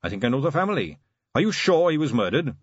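A polite, wide-eyed young captain with a higher, eager voice, as a narrator puts him on. The tone is husky and lively, on a dull, dry recording. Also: male voice, quick pace, dry recording. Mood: earnest. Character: earnest young male watch captain, polite.

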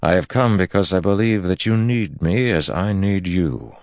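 A man's voice: deep voice, lively intonation, normal speed, darkish tone, no echo, studio quality, voice pushed up. A man voicing a commanding hero of ancient claim in an audiobook, solemn and declaiming.

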